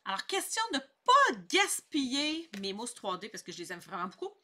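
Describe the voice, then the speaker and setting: A middle-aged woman with a Québécois French accent leads a casual scrapbooking tutorial, chatty and upbeat as she explains every step. Her voice is fairly high and bright, very animated and forceful, at a normal speed.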